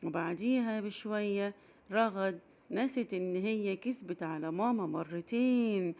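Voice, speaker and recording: A woman's voice: mid-range voice, a little slow, darkish tone, dull audio. A woman with an Egyptian accent telling a children's story, affectionately addressing young listeners.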